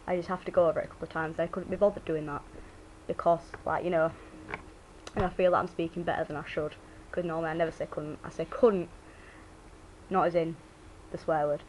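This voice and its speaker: Yorkshire accent woman, kinda low voice, informal read-aloud, bit of background noise. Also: little pitch movement, fast, rough recording. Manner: informal, drops the word "the". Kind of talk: reading a book aloud as an accent sample, with casual asides.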